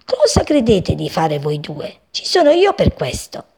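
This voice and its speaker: Woman playing a big hot-headed frog, male, gruff and blustering, raspy edge, swings up and down. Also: lowish voice, wildly swooping pitch, unhurried, a little mellow, heavily acted.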